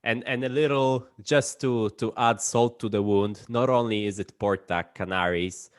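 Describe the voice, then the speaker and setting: A man's voice: on the low side, steady tone, normal speed, no echo, clean studio sound. A man hosting a casual interview, putting informal questions and rephrasing them as he goes. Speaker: interviewer, host.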